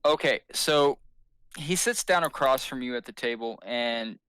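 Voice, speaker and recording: A man's voice: medium pitch, unhurried, bright, forceful tone, clear, resonant tone, no room sound. A man narrating as game master in a tabletop game, rambling and hesitant with fillers.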